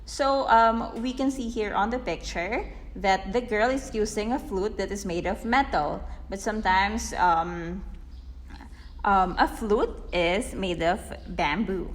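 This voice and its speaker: A woman teaching an English lesson, speaking very slowly and patiently. She repeats her points and keeps checking with "okay?". Her voice carries a long, roomy reverb. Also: medium pitch, a little hiss or hum. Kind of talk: classroom lesson explanation.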